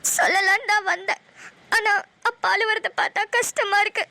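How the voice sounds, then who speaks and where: A woman's voice: very high-pitched, fairly even intonation, normal speed, gravelly, sharp tone, no echo, full character voice. A woman voicing a distressed young bride who pleads tearfully in a cartoon. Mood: pleading. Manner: pleading, upset speech. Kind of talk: cartoon voice acting.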